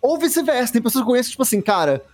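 A man's voice: extremely high pitch, very animated, very fast, darkish tone. A man in a casual group chat, explaining his point earnestly.

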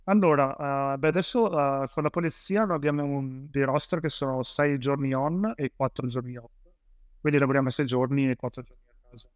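A man's voice: medium pitch, steady tone, fairly quick, dry recording, studio quality. A man from Italy, a police officer, telling his story as an interview guest in a rambling way with many fillers and restarts.

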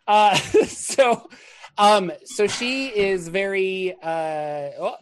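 A man's voice: high-pitched, very slow. A man running a tabletop game as game master, narrating with hesitant asides and fillers.

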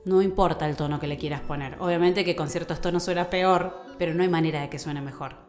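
A woman radio announcer with an Argentine accent, giving advice on a podcast in a measured, emphatic, teacherly way. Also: sits low, fairly even intonation, a little mellow. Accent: Argentine Spanish. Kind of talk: instructional podcast talk. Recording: roomy echo with faint music.

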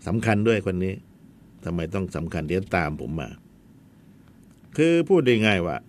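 A man's voice: low voice, moderate pace, a little hiss or hum. A man teaching a history lesson in a chatty storytelling way, with asides to his students.

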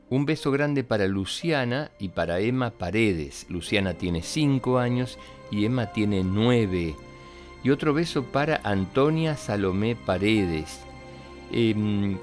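A man's voice: lowish voice, darkish tone. A man hosting and narrating for children, speaking in simple phrases as a storyteller. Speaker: children's storyteller and show host. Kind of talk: greetings to young listeners and scripted storytelling. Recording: roomy echo with music behind. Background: music.

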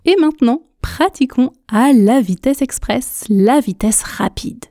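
Calm woman teacher drilling pronunciation, slow and careful, mellow voice. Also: high voice, dry recording, studio quality, faint music behind. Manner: calm, patient, counts learners in and repeats phrases. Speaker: French teacher, podcast host. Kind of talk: pronunciation lesson, slow and articulated.

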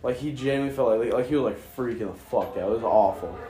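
A young guy tells stories in loose frat-bro slang with some swearing. His pitch is average for a man. The room around him is noticeably echoey. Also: fast, dark tone, a little hiss or hum. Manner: frat-bro slang, heavy use of "like", profane. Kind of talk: casual storytelling.

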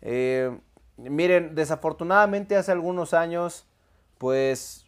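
A man with a Mexican accent co-hosting a podcast in casual chat, slangy and quick to laugh. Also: on the high side, clean tone. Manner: laughs easily, slangy and animated. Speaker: podcast co-host.

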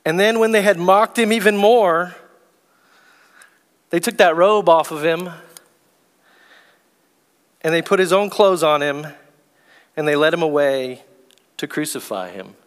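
Male preacher, high voice, slow deliberate delivery, long church reverb. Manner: slow, deliberate preaching, reads scripture aloud. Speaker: pastor. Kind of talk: sermon. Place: church sanctuary.

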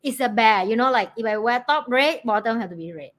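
A woman with a fairly high voice talks casually in loose, non-native colloquial English. She is bold, frank and playful. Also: animated, a little fast, crowd noise. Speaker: livestream co-host. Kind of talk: casual chat.

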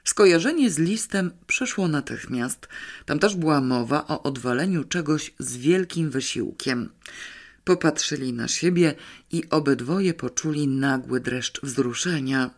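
A man narrating a children's adventure novel as an audiobook, in measured storytelling. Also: a little high, expressive. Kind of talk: scripted narration.

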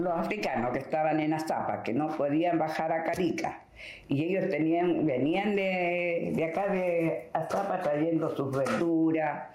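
A woman's voice: low-pitched, darkish tone. An older woman from Peru, recalling the past in a rambling, vivid oral-history interview. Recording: echoey room.

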